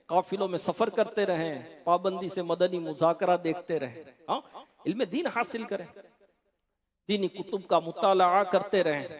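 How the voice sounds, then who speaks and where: A man preaching a sermon to a gathering, exhorting his listeners and rising to emphatic peaks. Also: high voice. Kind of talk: sermon with sung devotional verses. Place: live religious gathering.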